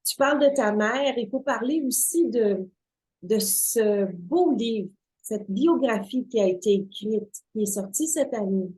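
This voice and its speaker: Upbeat female co-host, bright higher pitch, pitching an event. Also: lively intonation, measured pace, rough recording. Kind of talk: interview hosting and promo wrap-up.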